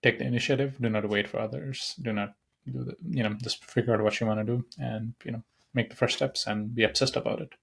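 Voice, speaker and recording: A man's voice: medium pitch, fairly even intonation, fast, gravelly, slightly rough. A young man from Nepal hosting a solo podcast, talking casually and rambling with many fillers and restarts. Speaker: podcast host.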